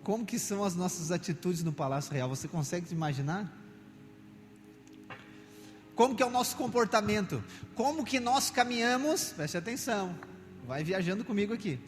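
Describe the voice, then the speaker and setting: High-voiced preacher in reverberant hall. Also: male voice, animated. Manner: conversational, asks the congregation many questions; rises to loud, slow proclamations. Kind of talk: sermon. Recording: long hall reverb with faint music.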